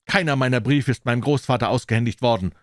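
A man voicing a stern, accusing young gentleman who argues urgently. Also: medium pitch, lively intonation, fairly quick, no echo, studio quality, close to an everyday voice. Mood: indignant.

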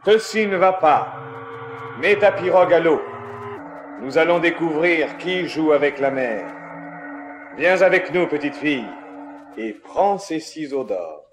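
A man's voice: a little high, lively intonation, unhurried, long pauses, noisy background. An actor playing the eldest magician, an old and wise man who asks solemn, ceremonial questions in a radio play. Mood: urgent. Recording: roomy echo, background music.

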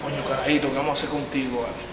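An actor playing a tough police commander with a Venezuelan accent, who gives orders and lectures a young suspect. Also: male voice, medium pitch, level tone, rapid-fire, natural voice. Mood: lecturing. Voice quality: gruff, commanding. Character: tough male police chief, stern and fatherly. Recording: reverberant hall, distant mic, noise.

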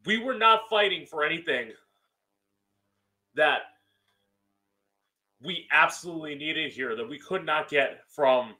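Bright, campy drag queen man. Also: fairly high pitch, expressive, measured pace, pauses often. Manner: opinionated, emphatic, swearing. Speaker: drag queen host of an opinion show. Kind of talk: solo opinion monologue to camera. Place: small room at home, indoors. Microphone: close studio mic on boom arm with pop filter.

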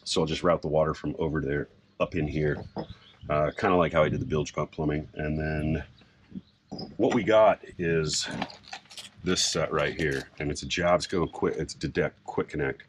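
A middle-aged man casually explaining a boat project outdoors in a sailboat cockpit, relaxed and rambling with frequent fillers. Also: extremely low pitch, normal speed. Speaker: sailboat owner and vlogger. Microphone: camera on a mount a few feet away. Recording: outdoor recording with background noise.

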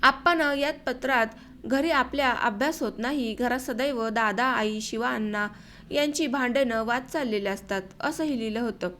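High-voiced woman reading an audiobook. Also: slight background noise. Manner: steady, measured reading with voiced dialogue. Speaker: audiobook narrator. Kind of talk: scripted narration of an autobiographical novel.

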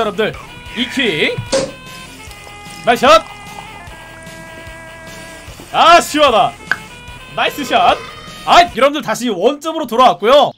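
A man streaming a driving game live, talking to his viewers and breaking into excited, repeated shouts. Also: extremely high pitch.

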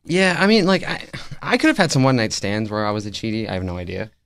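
A man's voice: lowish voice, quick pace, a bit bright, clean tone, dry recording. A man co-hosting a podcast in casual chat, easygoing and rambling, acting out quotes. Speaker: podcast co-host.

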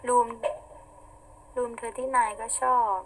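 A young woman with a husky voice, chatting casually on a live stream, reading out viewer comments and laughing often. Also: a little slow, slight background noise, poor audio. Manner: chatty, giggly, playful. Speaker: idol singer on a live stream.

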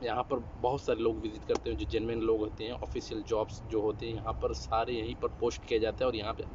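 A man's voice: on the low side, flat delivery, quick pace, highs cut off, background noise. Young man vlogging outdoors at night. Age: young adult. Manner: hesitant, many fillers and restarts. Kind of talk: casual talk to camera. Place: outdoors at night, parking lot. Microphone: phone camera, then selfie at arm's length.

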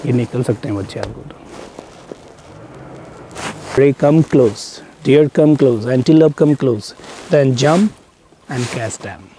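A man's voice: medium pitch, a little fast, long pauses, dark tone. A man with a North Indian accent and Hindi as his native language, a safari guide explaining informally to tourists in irregular non-native English. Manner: non-native English with irregular grammar and repeated tag "you know". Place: outdoors in an open safari vehicle. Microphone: camera a short distance away. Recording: faint outdoor noise and clicks.

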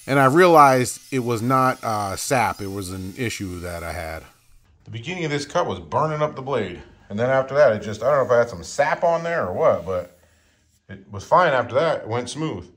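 Wearing a clip-on mic in his small garage workshop, a middle-aged woodworking vlogger rambles casually and pokes fun at himself while explaining how-to steps. His mid-range voice has a fairly bright tone.

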